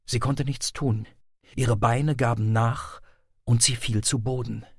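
Guy reading audiobook bits, slow grave storytelling, raspy voice, kinda gravelly. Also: mid-range voice, fairly even intonation, no room sound, studio quality. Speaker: audiobook narrator. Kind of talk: scripted narration of audiobook excerpts.

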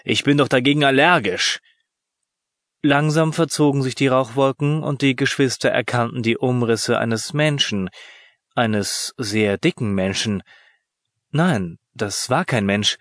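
Expressive man reading a children's story. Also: mid-range voice, unhurried, dry recording, clean studio sound. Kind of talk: scripted narration.

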